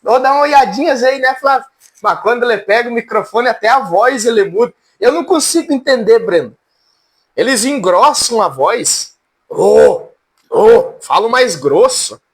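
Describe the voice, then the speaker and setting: A man with a strikingly high, cracked voice leads a relaxed church class. He jokes along in a folksy way and keeps calling on students by name. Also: moderate pace. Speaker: Bible teacher. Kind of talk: informal church class lecture.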